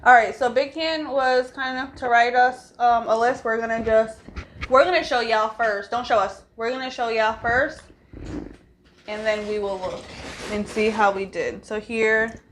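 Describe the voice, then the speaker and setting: A woman's voice: fairly high pitch, fairly even intonation, normal speed, a bit bright, slight background noise. A young woman co-hosting a casual food-tasting video, chatty and playfully teasing. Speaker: co-host. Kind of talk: casual chat.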